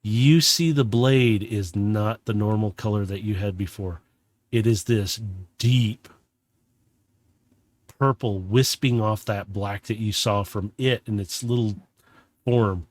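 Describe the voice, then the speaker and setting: A man's voice: fairly low pitch, takes it slowly, no room sound. A man working as game master, improvising casual, descriptive narration for a tabletop game and correcting himself as he goes.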